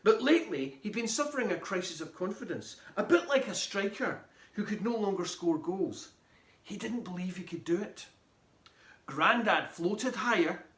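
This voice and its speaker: A man reading his children's book aloud in an animated, playful way. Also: high-pitched, moderate pace, reverberant.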